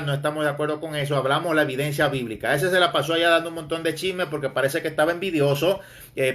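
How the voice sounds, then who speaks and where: A man's voice: on the high side, fairly bright tone. A man preaching informally online, mocking his critics and chuckling as he addresses listeners as brother. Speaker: preacher and Bible teacher.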